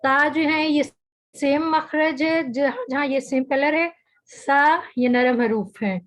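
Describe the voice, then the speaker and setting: A woman teaching an online tajweed class, saying each letter slowly and carefully, then patiently explaining how it is made. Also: high-pitched, poor audio. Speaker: Quran recitation teacher.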